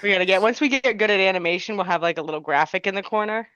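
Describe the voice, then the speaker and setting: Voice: medium pitch, rapid-fire, sharp tone, clear, resonant tone, no echo. A podcast co-host in casual chat, matter-of-fact with a dry wit, on a dull lo-fi mic.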